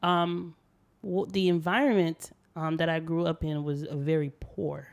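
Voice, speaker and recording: A woman with a lowish voice talks casually on a podcast. She pauses often and fills the gaps with ums as she gathers her thoughts. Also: steady tone, creaky. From Haiti. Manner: hesitant, many ums.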